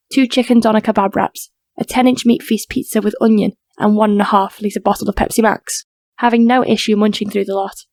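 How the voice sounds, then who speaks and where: A woman narrates an audiobook crime drama with a steady, flat delivery and a gravelly edge. It is close-miked in a dry, dead room. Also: mid-range voice, no echo. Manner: even, steady reading. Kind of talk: scripted narration.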